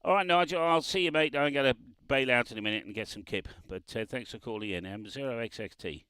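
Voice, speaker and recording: A man's voice: medium pitch, quick pace, sharp tone, clean tone. A man chatting on amateur radio, laughing often and spelling out call signs. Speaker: ham radio operator. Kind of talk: casual radio chat. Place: parked car by the road, remote radio.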